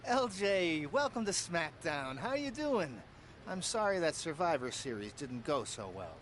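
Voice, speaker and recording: A man's voice: on the high side, unhurried, slight background noise. A helpful older cameraman. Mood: advising. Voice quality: calm, explaining patiently. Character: friendly veteran male cameraman, helpful mentor. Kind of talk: video game dialogue.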